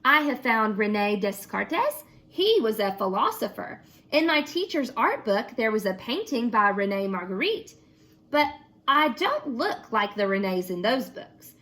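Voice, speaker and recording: A woman teacher, her voice a little high and unhurried, expressively reads a picture book to children. Once finished, she asks the class questions about it.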